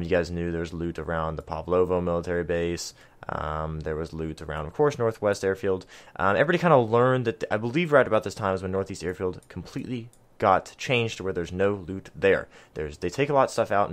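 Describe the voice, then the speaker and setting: A man giving a casual map guide for a video game, chatty, with lots of ums and self-deprecating asides. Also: low-pitched. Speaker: gaming video creator.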